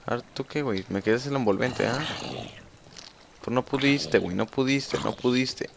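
Young Mexican man, low gravelly voice, chatty let's-play commentary, faint keyboard clicks behind. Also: moderate pace, noisy background. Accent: Mexican Spanish. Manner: chatty, swears freely, talks to himself while playing. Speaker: gamer. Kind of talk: casual gameplay commentary.

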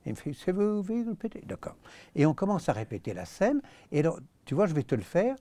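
A man's voice: on the high side, fast talker, dry recording. An older man, an actor and guest, animatedly telling an anecdote in an interview and acting out the people in it. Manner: animated, acts out the voices in his stories.

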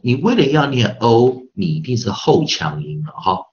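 A man's voice: medium pitch, sing-song, normal speed, darkish tone, dull audio. A man teaching English pronunciation in a recorded online lesson with a Taiwanese Mandarin accent, patiently repeating sounds over and over to demonstrate them.

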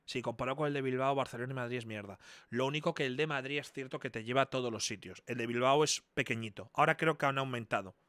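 A man's voice: medium pitch, fast, no echo. Chatty young streamer man, dry close sound. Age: 20s. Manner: chatty, incredulous, loud outbursts. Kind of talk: casual live-stream chat.

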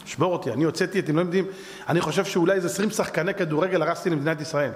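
A rabbi delivers a fiery lecture in a high, pressing voice, hurling rhetorical questions at his listeners. His words ring out with a long reverb trailing behind them. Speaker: rabbi giving a lesson. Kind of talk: impassioned religious lecture.

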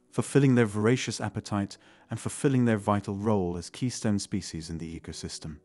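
Man, nature documentary narration, slightly deep, polished and grandiose, faint music behind. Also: a little mellow, dry recording.

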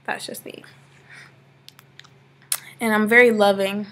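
Taking it slowly with little pitch movement, an eighteen-year-old Georgia vlogger speaks in a mid-range, fairly bright voice. She's indoors on her living room sofa, framed close by a laptop webcam, rambling chattily with many "like" fillers.

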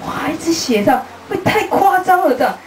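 A middle-aged woman, speaking as a travel author at a live book talk. She is a lively storyteller who acts out conversations and laughs often. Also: very high-pitched, a little fast. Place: bookstore event room. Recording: roomy, distant, faint hiss.

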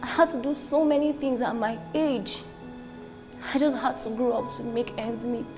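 A woman's voice: on the high side, steady tone, normal speed, lightly acted. A woman in her twenties performing a monologue as a grieving daughter begging her absent father to speak to her. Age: 20s. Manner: soft, pleading, weary. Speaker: actor performing an audition monologue. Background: clear music.

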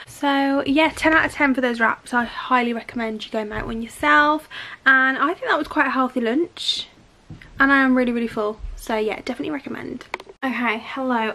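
A woman's voice: on the high side, pushed and bright. A young British woman in her twenties chatting casually in a home vlog, bubbly and giggly, rambling as she goes. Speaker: vlogger. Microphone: handheld camera.

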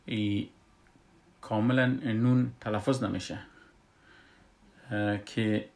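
A man with an Afghan Dari accent teaching Quran recitation rules, speaking slowly with many hesitant fillers and breaking into drawn-out chanted recitation. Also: mid-range voice. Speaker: tajweed teacher. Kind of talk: slow explanatory Quran recitation lesson.

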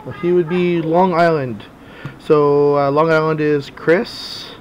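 A man's voice: a little high, steady tone, slow, highs cut off. A man hosting a card break with casual, improvised running commentary, informal and muttering to himself as he works. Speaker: host of sports card box breaks. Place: small indoor home office full of cards. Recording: noisy room, camera on desk.

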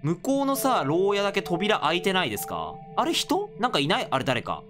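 A man casually commenting on a horror game he is playing, excitable and yelping when scared. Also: sits high, brisk, soft background music. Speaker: gaming video host. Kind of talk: casual let's-play commentary.

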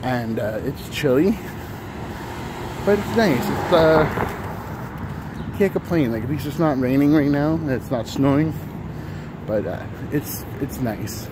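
A vlogger in his thirties chats casually while walking a city street in the early morning, holding his phone at arm's length. His mid-range voice is animated but a little slow, with frequent pauses, and he sounds a bit out of breath as he rambles through fillers and restarts. The phone audio picks up traffic and city noise.

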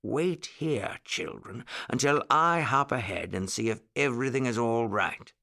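A man voicing an elderly, cheerful rabbit gentleman in a storybook who speaks eagerly and keeps exclaiming. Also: mid-range voice, a little slow, vocal fry, heavily acted. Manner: excitable, exclaiming.

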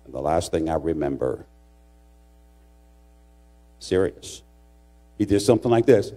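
A man's voice: deep voice, expressive, a little slow, dark tone. A middle-aged man preaching a sermon in church, dramatic and joking with his congregation. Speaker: pastor. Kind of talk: sermon with humorous storytelling. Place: church sanctuary.

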